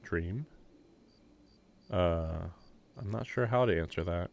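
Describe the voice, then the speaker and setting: A man with a low, creaky voice takes his time reading a visual novel on a live stream, narrating his thoughts with wry, self-deprecating asides. The casual let's-play session carries faint game music and slight background noise.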